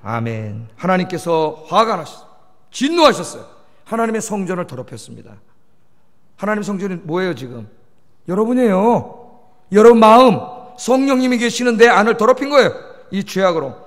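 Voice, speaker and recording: A man's voice: high voice, very animated, brisk. A male pastor preaching a sermon, emphatic, pleading with the congregation and firing questions at them. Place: church sanctuary. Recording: long church reverb.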